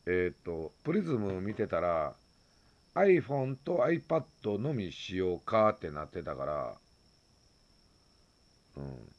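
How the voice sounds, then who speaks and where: A man's voice: low-pitched, very animated, slow, pauses often, dull audio. A man with a Kansai accent chatting loosely on a late-night phone live stream, greeting viewers and laughing often. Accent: Kansai Japanese.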